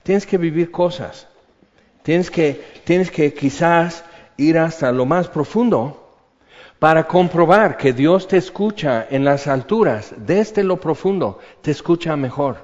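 An older man preaching a sermon, animated and conversational, dropping to a hush for emphasis. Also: fairly high pitch, slow pace. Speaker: pastor. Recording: echoey hall, dull lo-fi sound.

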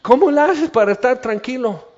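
A man voicing a frantic, panicky adult in crisis, demanding and shrill, in a muffled lo-fi recording. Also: expressive, moderate pace, darkish tone.

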